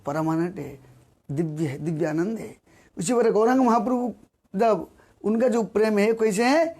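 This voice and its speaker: A man giving a devotional sermon, repeating phrases and asking rhetorical questions, sometimes singing verses slowly. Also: high-pitched, darkish tone. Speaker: preacher.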